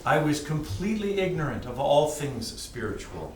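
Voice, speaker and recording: A man with a Western Canadian English accent giving a personal testimony in short, plain phrases, pausing for translation. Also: on the high side, big pitch swings. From British Columbia, Canada. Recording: distant mic in echoey room, faint noise.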